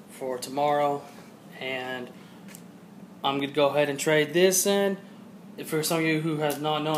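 A man's voice: on the high side, slight background noise. A man, from Georgia, chatting casually and rambling upbeat into a handheld camera for his vlog. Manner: rambling, upbeat, repeats himself. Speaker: vlogger.

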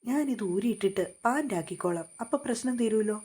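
A woman's voice: on the high side, lively intonation, a little mellow, husky. A woman voicing a sassy, stubborn young woman of about twenty who pouts and protests in a storybook reading. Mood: pouty. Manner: pouty, teasing, quick to protest.

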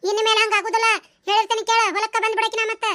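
A woman voicing a sharp-tongued village landlord's wife in a cartoon, scolding and bossy, with a North Karnataka Kannada accent. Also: extremely high pitch, monotone. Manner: scolding, bossy, quick retorts. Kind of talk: cartoon voice acting.

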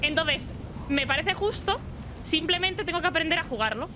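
With a very high, animated voice at normal speed, a young woman streams her gameplay, playfully addressing the enemies and the boss. Getting hit sets off frequent startled yelps and curses, and game music and background noise can be heard.

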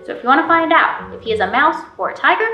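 Quick and expressive, a high-pitched woman's voice sounds pushed and bright as she leads storytime in a library room with a painted mural. In her thirties, she questions and praises the small children in simple, upbeat language. Faint music plays behind her, and the distant camera pickup sounds roomy.

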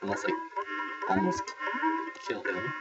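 A man talking through a platform game in casual, self-mocking commentary, his pitch bouncing widely as he reacts. The sound is dull and lo-fi, with the game's music playing clearly underneath. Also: very animated, unhurried. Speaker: let's play commentator.

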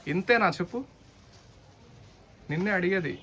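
A man's voice: sits high, expressive, unhurried, fairly bright tone, husky. A man doing comic banter in a playful, teasing, mock-indignant way, with faint background noise. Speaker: comic vlogger.

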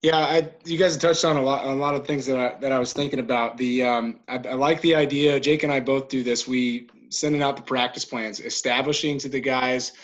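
A man, a baseball coach, speaking in a measured, hesitant way on a video call. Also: mid-range voice, fairly even intonation. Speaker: high school baseball coach. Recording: dull video-call audio.

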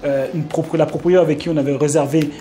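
A young Frenchman telling a casual vlog story, rambling with many fillers and restarts and sudden animated outbursts. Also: on the high side, fast talker, soft background music. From France. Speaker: vlogger.

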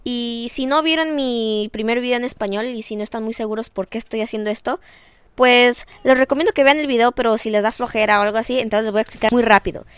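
Teen girl vlogging, mexican spanish accent, highish smooth voice, chatty and jokey about herself. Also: fast, no echo, dull audio. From Canada. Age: teens. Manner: chatty, lively, self-mocking. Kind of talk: casual vlog monologue.

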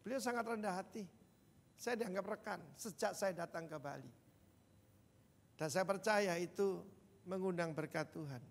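Older male pastor with a gravelly voice. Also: high voice, normal speed, long pauses. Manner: animated preaching, sudden loud bursts, addresses congregation as "saudara". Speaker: senior pastor. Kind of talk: sermon. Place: large church hall. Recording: long church-hall reverb.

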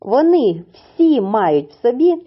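Lady teacher talking to preschoolers, slow, bouncy sing-song voice, kinda muffled lo-fi audio. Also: a little high, very animated. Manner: sing-song, coaxing teacher tone for small children; slow, syllable-by-syllable pronunciation. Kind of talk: children's lesson narration.

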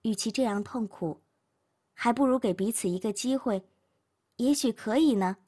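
A woman voicing an earnest young woman who gently persuades a distressed friend to stay calm. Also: on the high side, moderate pace, lightly acted. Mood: coaxing.

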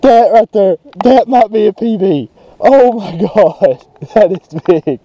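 A young man, vlogging excitedly while fishing at a rural pond, recorded on a chest-mounted action camera. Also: high voice, slow, lo-fi sound. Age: young adult. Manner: excitable, shouts with joy over big catches. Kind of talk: casual vlog narration while fishing. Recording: faint outdoor noise, action camera.

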